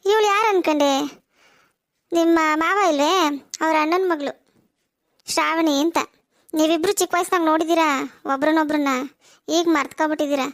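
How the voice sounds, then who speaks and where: A woman's voice: extremely high pitch, no room sound, clean studio sound. A woman doing a fussy village aunt. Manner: fussing, hospitable. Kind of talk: cartoon voice acting.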